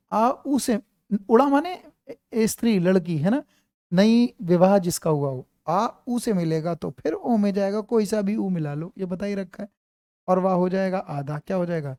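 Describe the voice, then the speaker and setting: A man's voice: sits high, lively intonation, unhurried, darkish tone, dry recording, clean studio sound. A man teaching an online grammar class, quizzing his students and repeating his questions.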